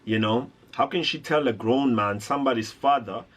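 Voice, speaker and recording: A man's voice: mid-range voice, moderate pace, a bit bright. A man hosting a reaction video, giving indignant, rambling commentary with lots of restarts.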